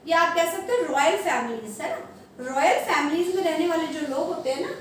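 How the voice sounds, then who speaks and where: A woman teacher with an Indian English accent runs an online grammar class for young children, spelling words out letter by letter and calling her pupils "beta." Her voice is high and moderately paced. She is recorded from a distance, away from the mic, in an echoey room with a faint background hum.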